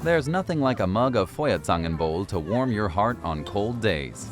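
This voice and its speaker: A man's voice: lowish voice, sing-song, normal speed. A man reading scripted narration as a voice-over for a travel documentary. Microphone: studio voice-over. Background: background music.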